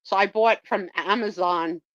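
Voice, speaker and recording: A woman's voice: mid-range voice, measured pace, a bit bright, dry recording, highs cut off. A woman chatting casually on a live stream, telling a rambling personal story.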